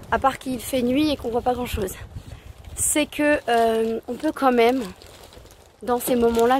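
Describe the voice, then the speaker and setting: A woman's voice: a little high, a little mellow, a little hiss or hum. A woman in her thirties, a parenting coach, talking in a casual vlog with many hesitations and restarts, outdoors at night.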